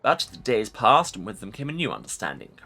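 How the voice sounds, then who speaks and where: A man's voice: on the low side, huge pitch swings, fairly quick, sharp tone, exaggerated voice. A man voicing an ancient undead lich from a fantasy game, arrogant and imperious, with pompous formal speech. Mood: grave, haughty. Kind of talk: dramatic video game role-play reading.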